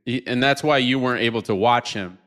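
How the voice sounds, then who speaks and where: A man interviewing a guest, asking gentle questions and restarting his words. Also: medium pitch, a little fast.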